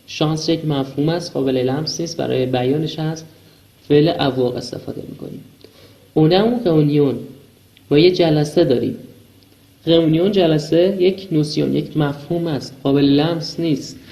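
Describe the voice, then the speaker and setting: Man, language teacher, gravelly and dark-toned, explains phrases word by word. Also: fairly high pitch, poor audio. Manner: explains slowly, reading French phrases then translating word by word. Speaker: French teacher. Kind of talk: recorded language lesson.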